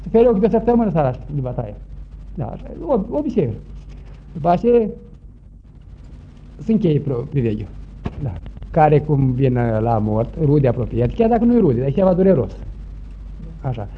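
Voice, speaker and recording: Older man, high-pitched, animated folk storyteller who mimics noises; muffled lo-fi tape. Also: pauses often. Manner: lively, acts out shouts and sounds. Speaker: interviewee recalling village customs. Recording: dull lo-fi recording, faint noise.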